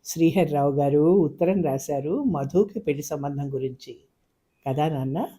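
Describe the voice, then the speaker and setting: A man voicing a calm, self-sacrificing young woman in a storybook reading, speaking gently and steadily. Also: a little high, moderate pace, breathy edge. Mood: gentle steady.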